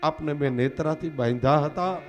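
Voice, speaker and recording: A man's voice: fairly high pitch, normal speed, faint music behind, close to an everyday voice. A man voicing Yashoda, a loving mother pleading tearfully with her departing son, in a devotional storytelling sermon. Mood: remorseful.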